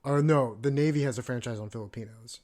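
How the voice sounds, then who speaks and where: Casual thirties guy from california, swears a lot, says like constantly, mid-pitched voice. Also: fast, a little mellow. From California, USA. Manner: loose and profane, lots of "like" fillers. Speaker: guest, Navy veteran. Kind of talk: casual podcast interview.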